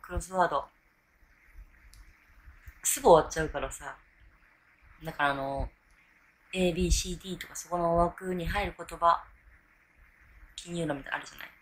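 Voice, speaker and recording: In a small bedroom or hotel room, a vlogger in her thirties who is drunk rambles through a casual solo chat to camera, frequently losing the thread. She has a lowish voice with a fairly bright tone. The recording quality is low.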